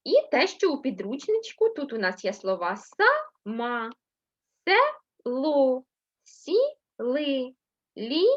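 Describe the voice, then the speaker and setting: Brief: Ukrainian woman, first-grade teacher, high and animated, sing-song syllable drills, muffled lo-fi recording. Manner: slow, sing-song syllable-by-syllable reading with frequent "так?" checks; affectionate praise of pupils. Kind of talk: remote reading lesson for young children.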